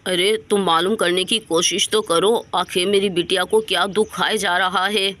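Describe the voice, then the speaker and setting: A woman's voice: on the low side, steady tone, moderate pace, fairly bright tone, voice pushed down, close to an everyday voice. Woman doing a worried stern father. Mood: insistent. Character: worried middle-aged father, stern and caring.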